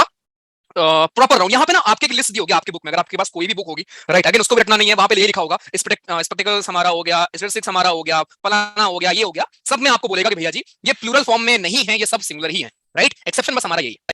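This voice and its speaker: Young male grammar tutor with an Indian accent, quick and high-pitched, chatty with his live class. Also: bright, forceful tone, no echo, clean studio sound. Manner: chatty, explains in Hindi with English terms, answers students' chat questions. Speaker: English grammar teacher. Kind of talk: live online class explanation.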